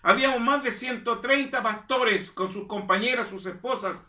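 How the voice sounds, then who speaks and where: A pastor preaching in a high, bright, ringing voice, repeating his lines for emphasis. He sits back from the microphone in an echoey church hall. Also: normal speed, recorded from a distance. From Chile. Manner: emphatic preaching, repeats phrases, calls listeners "hermano". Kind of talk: sermon. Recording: echoey room, voice from off-mic.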